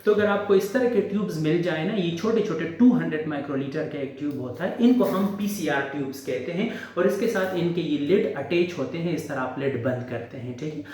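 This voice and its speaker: Man, relaxed explainer on a phone-filmed lab tour; strong room echo. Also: on the high side, a little fast, hardly any pauses. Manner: relaxed, repeats "theek hai na", explains step by step. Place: research lab, indoors. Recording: very echoey lab room, faint hum.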